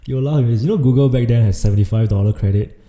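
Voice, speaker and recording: A man's voice: mid-range voice, mellow. A young Singaporean man in a casual interview as the guest, speaking informal Singlish and often repeating his phrases. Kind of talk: casual chat.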